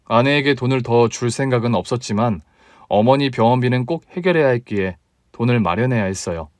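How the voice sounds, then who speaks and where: A man narrating his own story in a calm, weary, confessional tone. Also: mid-range voice, a little fast, dry recording.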